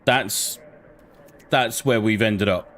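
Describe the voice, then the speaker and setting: A man's voice: on the low side, slow pace, fairly bright tone, a little hiss or hum. A man live-streaming a shooter game, chatting casually and swearing bluntly when frustrated. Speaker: gaming livestreamer. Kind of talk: casual chat while gaming.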